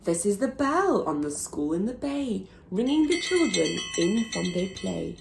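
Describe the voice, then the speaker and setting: A woman reading a rhyming children's book aloud, in a slow and deliberate sing-song. Her pitch rises and falls widely with the rhymes. A gravelly creak sits low in her voice. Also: sing-song, noisy background. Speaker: children's story reader.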